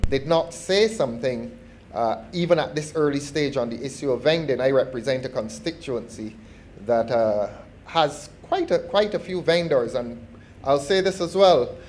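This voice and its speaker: A man's voice: medium pitch, a little hiss or hum. Formal Barbadian man addressing parliament. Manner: measured and formal, with repeated false starts. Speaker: member of parliament.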